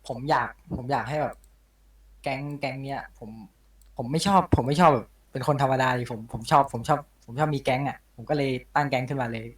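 Polite guy answering questions, stumbles and repeats himself, talks quick, sounds far off in a roomy space. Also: medium pitch, fairly even intonation. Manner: polite, hesitant, repeats words. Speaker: roleplay gang leader. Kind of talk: casual voice chat. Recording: roomy distant voice-chat mic.

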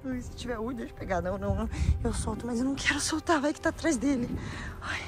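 A woman's voice: on the high side, fast talker, music in the background. A woman with a Brazilian Portuguese accent, filming a scripted adventure vlog outdoors on a handheld phone and exclaiming to her viewers. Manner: excitable, exclaims a lot, talks straight to viewers. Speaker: family vlogger.

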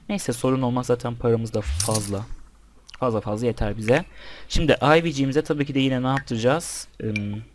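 Talking casually through his gameplay, a young commentator alternates between addressing the on-screen characters and his viewers in his let's-play. His voice sits in an ordinary middle pitch, with faint noise and some clicking beneath the recording.

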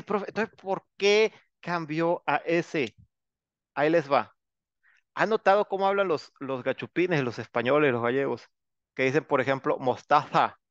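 A male English teacher gives an online class in a chatty, teasing way and coaxes quiet students to speak up. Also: medium pitch, no echo. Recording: dull, dry lo-fi sound.

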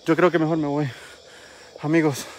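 A man with a Honduran accent filming a nighttime ghost-hunting vlog, jumpy and nervous, swinging between hushed whispers and frightened calls. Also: on the high side, flat delivery, normal speed, a little hiss or hum. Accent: Honduran Spanish. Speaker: paranormal vlogger.

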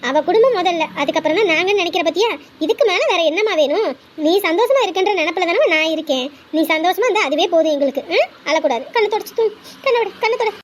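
A middle-aged woman speaks in a very high, fast voice as she soothes and reassures. She acts in an amateur family drama, with faint room noise behind her. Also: animated. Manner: soothing, motherly. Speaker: actress playing a mother.

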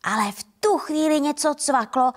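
A Czech woman reading a first-person children's story aloud with a gentle, playful manner. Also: high-pitched. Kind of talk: first-person fairy tale narration.

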